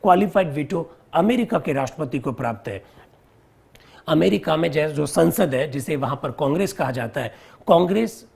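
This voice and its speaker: A man teaching a live online civics class, walking through each point step by step and putting questions to his viewers. His voice sits a bit high for a man and has a gravelly, husky edge. He keeps circling back to the key terms. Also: lively intonation, normal speed, a little mellow.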